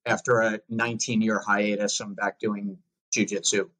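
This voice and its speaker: A man in his thirties from the United States, with a Long Island accent, speaks as a podcast guest in a casual interview, chatting and joking as he tells his story and often restarting his sentences. His voice sits on the low side with little pitch movement, a normal pace, and a fairly bright tone. The recording is rough.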